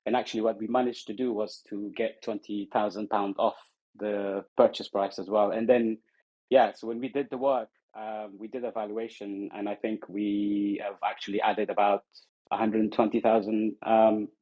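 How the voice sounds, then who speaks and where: A man's voice: fairly low pitch, flat delivery, normal speed, mellow. A man from Afghanistan, a guest in an interview, speaking hesitantly with many ums and restarts. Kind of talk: casual interview. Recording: muffled social audio stream.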